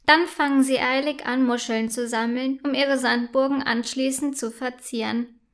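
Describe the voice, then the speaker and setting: A woman reading a children's story aloud with a clear, gentle delivery. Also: high voice, fairly even intonation, moderate pace.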